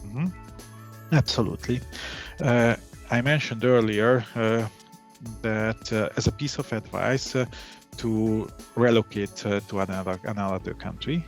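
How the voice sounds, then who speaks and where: A middle-aged man from Hungary, calmly answering interview questions, with many fillers and restarts. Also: lowish voice, measured pace, soft background music. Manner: calm. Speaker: interview guest, data analytics head.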